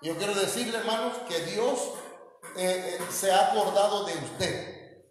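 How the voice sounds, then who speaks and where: Man, Mexican Spanish accent, pastor's sermon, higher voice, booming church reverb, faint room hum. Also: a little slow. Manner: addresses congregation as hermanos, frequent amén and fillers. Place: church hall. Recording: very echoey church hall with long reverb.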